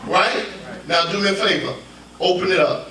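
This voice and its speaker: A man preaching an interactive sermon with call-and-response, playful and teasing, with bursts of shouting. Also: high-pitched, moderate pace, a little hiss or hum. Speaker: preacher leading a ministry workshop. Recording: echoey church hall, mic far off, congregation audible.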